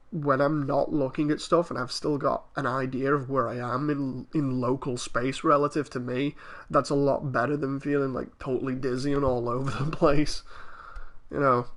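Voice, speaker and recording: A man's voice: medium pitch, a bit bright. A man streaming a game, chatting casually in a rambling, conversational way. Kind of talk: casual livestream chat over a game.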